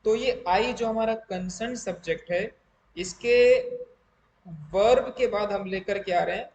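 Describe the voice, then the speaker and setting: A man teaches English grammar to an online class, drawing out each English word very slowly. His voice sits high for a man. The room is echoey, with a faint hiss behind him. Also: darkish tone, dull audio.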